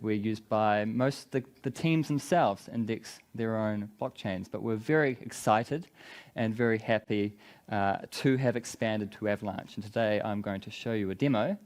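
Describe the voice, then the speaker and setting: Man with a broad Kiwi accent, lowish voice. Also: a little mellow, clean tone. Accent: broad New Zealand. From New Zealand. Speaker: conference speaker, business development head. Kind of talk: conference product presentation.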